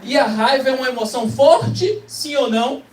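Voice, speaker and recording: A man's voice: very high voice, normal speed, a little hiss or hum. A man with a Brazilian Portuguese accent preaching a motivational sermon to a live audience, emphatic and full of rhetorical questions. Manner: emphatic, rhetorical questions, acts out quoted voices. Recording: echoey hall, distant mic, faint ambience.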